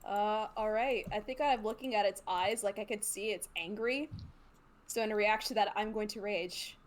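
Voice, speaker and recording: A woman's voice: mid-range voice, normal speed, a little hiss or hum. Woman, player, chatty, giggly, casual tabletop talk. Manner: giggly, chatty, describes her moves.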